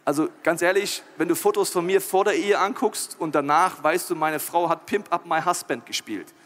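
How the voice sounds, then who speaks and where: A male pastor preaching a lively, joking sermon and talking directly to the crowd. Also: on the high side, moderate pace, slight background noise.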